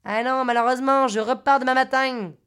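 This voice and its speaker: An easygoing young Frenchman from Marseille, talking in a friendly, frank, teasing way, as a woman storyteller puts him on. His voice sits fairly high and comes out lively and forthright. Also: a little fast, clean tone. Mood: frank, wistful.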